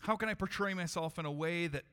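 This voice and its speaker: A man with a slightly raised voice preaches to his congregation, earnest and measured, often circling back over his words. His voice rings with the long reverb of a church hall. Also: a little high, sharp tone, clean tone. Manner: earnest, measured preaching with frequent restarts and repetitions. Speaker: pastor. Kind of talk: sermon. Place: church sanctuary.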